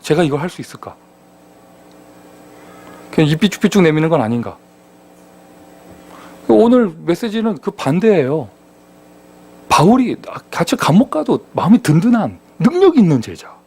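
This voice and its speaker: A man preaching a sermon as pastor, in a lively conversational manner full of rhetorical questions. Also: sits high, normal speed, long pauses, breathy edge. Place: church sanctuary.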